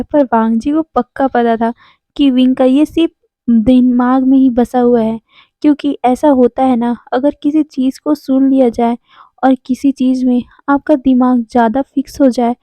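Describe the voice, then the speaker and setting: High-voiced woman telling a story. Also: warm tone, no echo. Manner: explanatory asides, self-corrections. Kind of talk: casual storybook narration. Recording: dull lo-fi dry sound.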